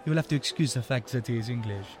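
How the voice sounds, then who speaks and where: A man's voice: medium pitch, rapid-fire, a little mellow, soft background music, natural voice. A man playing an obsequious courtier. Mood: fawning. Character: fawning French courtier, adult man.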